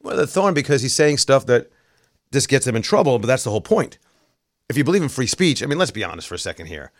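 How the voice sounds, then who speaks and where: A man's voice: mid-range voice, very animated, fast talker, no room sound, studio quality. A man from New York hosting a casual talk show, making political commentary laced with sarcastic asides.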